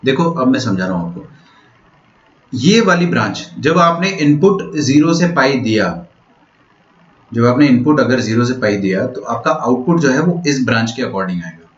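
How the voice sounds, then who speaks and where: A man's voice: medium pitch, expressive, moderate pace. Male maths teacher, patient step-by-step explainer, echoey room, dull lo-fi audio. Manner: explains step by step, checks often if students follow. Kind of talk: online lecture. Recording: roomy, dull lo-fi sound.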